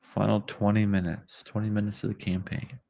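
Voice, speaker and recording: A man talking casually on a livestream about his crowdfunding campaign, rambling and halting with lots of ums and restarts, through poor-quality stream audio. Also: lowish voice, level tone, vocal fry, dark tone, no room sound. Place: a makeshift spot away from his usual setup.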